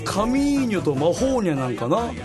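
A man hosting a radio show, chatting casually and wrapping up the program with lively banter. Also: high voice, moderate pace, over loud music.

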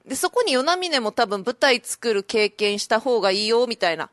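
Lively chatty woman co-host. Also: fairly high pitch, a little fast, no echo. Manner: chatty, storytelling, laughs easily. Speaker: radio show co-host. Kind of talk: casual chat.

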